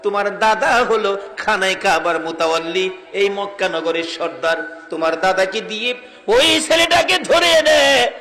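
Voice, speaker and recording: A man's voice: high voice, lively intonation, measured pace, bright, forceful tone, faint music behind, voice pushed up, exaggerated voice. A male preacher voicing a tender mother who comforts her weeping son, half-singing her words in an echoey hall. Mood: soothing. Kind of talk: sung sermon storytelling. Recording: echoey hall with long reverb.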